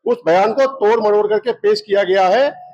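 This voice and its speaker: Brief: high-pitched man, local politician, argumentative press statement, dull lo-fi field audio. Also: normal speed, a little mellow. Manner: argumentative, cites book pages as proof. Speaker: local party wing state president.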